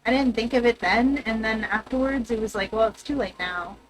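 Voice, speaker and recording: A woman's voice: a little high, unhurried, faint music behind, low-quality recording. A woman streamer chatting casually with viewers, her voice coming through with a robotic, metallic-sounding processing, bubbly and laughing often. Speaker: livestreamer.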